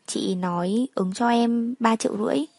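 Curt male manager, brisk and matter-of-fact, dry sound , by a woman. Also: fairly high pitch, gravelly, a little mellow, dry recording.

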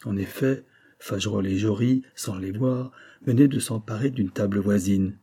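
Low, husky male audiobook narrator. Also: dark tone. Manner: measured, phrase-by-phrase delivery. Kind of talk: literary audiobook reading.

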